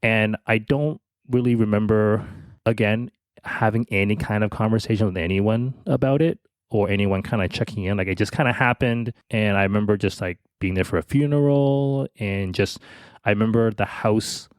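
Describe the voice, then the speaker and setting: Low-voiced man telling a personal story. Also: dry recording. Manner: halting, many restarts, soft laughs. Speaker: podcast co-host.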